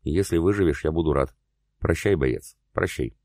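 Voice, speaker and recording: A cold, detached commander from an audiobook, read by a man who speaks in a calm, measured way. The voice is very deep and dark. The recording is dry and close. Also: no room sound. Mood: cold, resigned.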